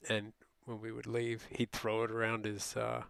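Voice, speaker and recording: A man's voice: fairly low pitch, completely flat delivery, moderate pace, gravelly, a bit bright, smooth, no room sound. A middle-aged man telling a rambling, casual late-night story as a streamer, often laughing and quoting people.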